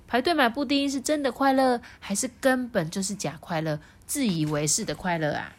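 A woman reading a children's storybook aloud in a lively, sing-song way. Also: a little high, normal speed.

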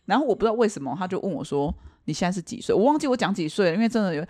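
A woman in her thirties, chatting casually and telling a story in an animated way, often laughing. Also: mid-range voice, rapid-fire, no echo, clean studio sound. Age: 30s. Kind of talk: casual chat.

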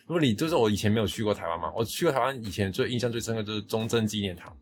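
A man from Hong Kong with a Taiwanese Mandarin accent, hosting a casual podcast chat, chatty and quick to laugh. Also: on the low side. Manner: chatty, laughs often, quotes others. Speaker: podcast host.

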